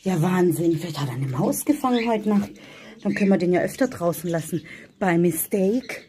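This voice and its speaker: A woman's voice: fairly low pitch, animated, normal speed, warm tone. A woman vlogging casually while feeding her cats and other animals, calling to them in a sing-song voice. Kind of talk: casual vlog talk to animals and viewers.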